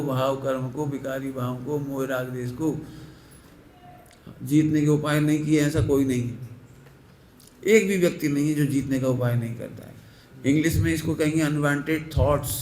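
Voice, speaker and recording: A man giving a sermon as a Jain preacher, speaking slowly and emphatically and repeating key phrases to drive them home. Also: a little high, a little mellow, a little hiss or hum. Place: large hall. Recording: echoey hall, faint ambience.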